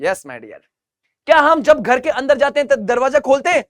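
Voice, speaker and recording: A male English teacher runs an online grammar lesson. He drills each example sentence slowly, several times over, and keeps prompting his students with questions. He moves easily between Hindi explanations and English examples. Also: very high voice, expressive, fairly bright tone.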